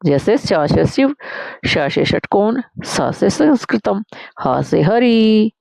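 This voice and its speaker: A woman's voice: mid-range voice, big pitch swings, slow, vocal fry, darkish tone, no room sound. A woman Sanskrit teacher, teaching a grammar lesson, calling her students "beta" and answering her own questions.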